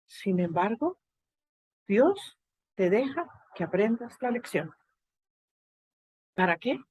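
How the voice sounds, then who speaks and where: A woman with a Guatemalan accent giving a faith talk to a live group, lively and full of rhetorical questions to her listeners. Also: medium pitch, takes it slowly, breathy edge, low-quality recording. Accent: Guatemalan Spanish.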